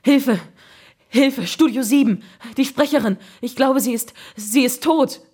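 Woman doing a panicked shouting sound technician. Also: sits high, unhurried, breathy edge, voice pushed up. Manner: stammering, frantic.

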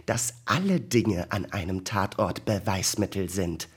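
A man's voice: sits low, measured pace, husky, full character voice. A man voicing an irritable young female detective who answers in a snappish, indignant way.

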